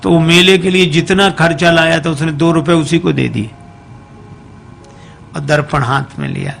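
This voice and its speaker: A male preacher tells a devotional folk story, mixing speech with sung verses. His voice is gravelly and a little high, and his delivery is very slow. Faint music plays in the background. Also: fairly bright tone.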